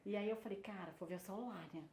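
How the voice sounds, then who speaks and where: A woman's voice: medium pitch, racing, vocal fry, darkish tone. A woman in her thirties, animatedly telling a personal story in casual chat and acting out the people she quotes. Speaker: guest. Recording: echoey room with faint noise.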